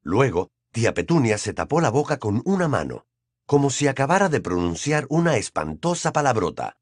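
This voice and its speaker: A man narrates an audiobook in an expressive, storytelling style, reading scripted text. His voice sits in the mid range and moves at a moderate pace, recorded with clean studio sound and no room sound.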